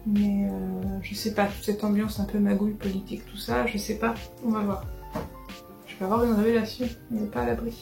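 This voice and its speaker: Chatty woman with a gravelly edge. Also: mid-range voice, flat delivery, fairly quick, darkish tone, echoey room, faint music behind. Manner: chatty, hesitant, many fillers and restarts. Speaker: book vlogger. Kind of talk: casual book haul chat.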